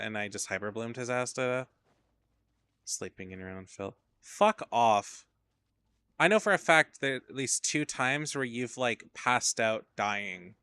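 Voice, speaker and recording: A man talks through his gameplay in loose, wandering commentary, with plenty of casual swearing. His voice has a bright, forward edge, and he sounds tired. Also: mid-range voice, smooth. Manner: rambling, profane, drowsy asides. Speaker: game streamer.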